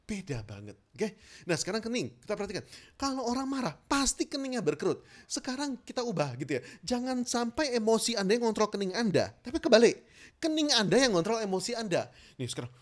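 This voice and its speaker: A self-help trainer speaks straight to the viewer in an instructional talk, coaxing them to try each exercise. The voice leaps widely up and down in pitch as it demonstrates tense and relaxed ways of speaking. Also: fast. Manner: animated, demonstrates tense versus relaxed speech; addresses the listener directly, coaxing.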